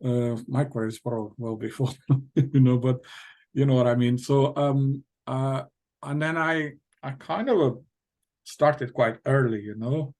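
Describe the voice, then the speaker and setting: A man's voice: mid-range voice, darkish tone. A middle-aged man with a Portuguese accent, a company founder talking casually as an interview guest, hesitant with many fillers and restarts.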